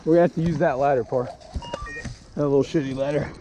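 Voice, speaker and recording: A man's voice: mid-range voice, steady tone, fairly quick. Urgent firefighter man giving clipped commands, noisy recording. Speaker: fire officer on an engine crew. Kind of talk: urgent firefighter radio traffic and fireground orders. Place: outdoors at a fire scene and in engine. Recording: noisy outdoor body-camera audio with vehicle noise.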